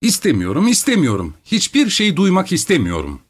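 A flighty, capricious young wife, as a male narrator puts her on in an audiobook, speaks in a raised, petulant voice full of exclamations. She sounds high-strung and quick to take offense. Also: big pitch swings. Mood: indignant.

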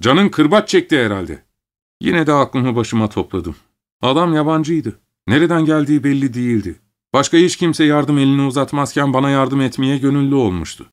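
A man narrating a literary story in the first person, reading at a measured pace. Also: medium pitch.

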